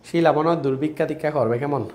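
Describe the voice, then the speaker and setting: A man's voice: fairly high pitch, fast talker, darkish tone, roomy sound. Chatty young man teaching grammar. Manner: chatty, repeats questions, calls students brother. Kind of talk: online exam-prep class.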